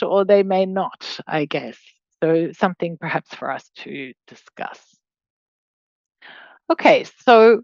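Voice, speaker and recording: A fairly low-pitched woman, a middle-aged Australian law professor who was raised in Hong Kong, gives a guest webinar lecture. She explains things conversationally with hedging side remarks, and the sound is dry and lo-fi.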